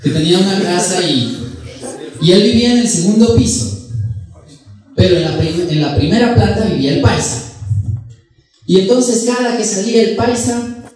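A man with a Colombian accent telling jokes on stage in a lively, playful way. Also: high voice, normal speed, pauses often. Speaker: comedian. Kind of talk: stand-up joke telling. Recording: echoey room, mic far off.

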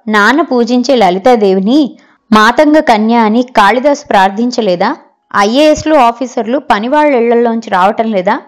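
A woman voicing a calm, pointed younger sister. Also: fairly high pitch, close to an everyday voice. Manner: slow and pointed, challenging.

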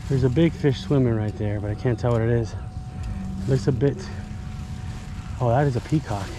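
A man's voice: mid-range voice, moderate pace. Man narrating his fishing outdoors. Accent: South Florida English. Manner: chatty, self-narrating, mutters to the fish. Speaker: fishing vlogger. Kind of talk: casual running commentary while fishing. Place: outdoors by a suburban lake. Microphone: action camera on body or bike. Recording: outdoor camera noise.

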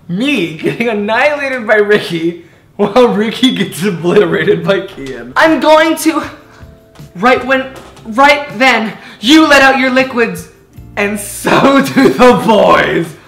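A woman's voice: medium pitch, sing-song, takes it slowly, a bit bright. Giggly, brash young woman reading aloud. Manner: giggly, brash, swears a lot, dramatic readings. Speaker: vlogger. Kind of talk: comedic reading aloud with friend. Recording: roomy echo, faint music.

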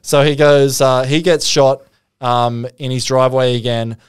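A man's voice: medium pitch, fairly even intonation, a little slow, clear, resonant tone, no room sound, clean studio sound. An Australian man co-hosting a podcast, telling a crime story in a rambling, swearing way, putting on voices for the people he quotes. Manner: rambling, profane, acts out quotes. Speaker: podcast co-host. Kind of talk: casual storytelling chat.

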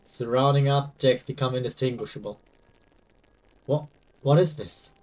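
A man's voice: medium pitch, moderate pace, darkish tone, far from the mic, natural voice. A man reading aloud as a young male game protagonist, confused and anxious, over faint game music. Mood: pained.

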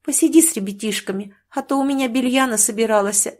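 Pleading young wife, a bit high, woman reading her. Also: quick pace, darkish tone, natural voice. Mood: plaintive. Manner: pleading, plaintive. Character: tired young village wife and mother, aggrieved.

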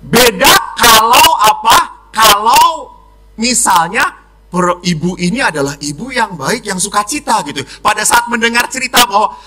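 Animated, bright-voiced priest preaching a homily. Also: male voice, sits high, a little hiss or hum. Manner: lively preaching, acts out children and wives in quick voices.

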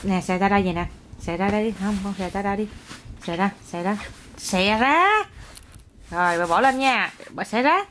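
A woman's voice: mid-range voice, expressive, moderate pace, fairly bright tone. Young mother, casual home video, coaxing and scolding, faint background noise. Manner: coaxing, scolding and exclaiming at a toddler. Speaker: mother filming her child.

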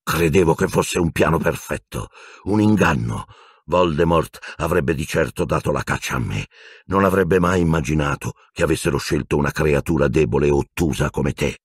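A man's voice: rumbling low, breathy edge, no room sound, clean studio sound. A man voicing a bitter escaped prisoner wizard who speaks in a cold, growling, venomous way. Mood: furious. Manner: cold, accusing, slow menace.

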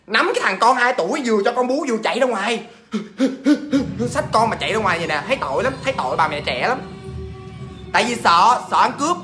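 Man, ghost story teller, chatty and animated, quick talker, faint music under. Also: high-pitched. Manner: animated, chatty, addresses listeners directly. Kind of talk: casual ghost story telling.

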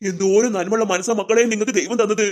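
Quick-talking performer, coaxing and brisk, medium pitch, family comedy skit. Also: fairly even intonation.

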